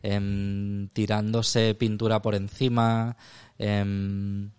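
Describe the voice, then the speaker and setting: A man's voice: lowish voice, flat delivery, extremely slow, a little mellow, smooth, no echo. A man co-hosting a casual comedic podcast chat, often repeating words as he searches for what to say. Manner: hesitant, repeats words while searching for them. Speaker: podcast co-host.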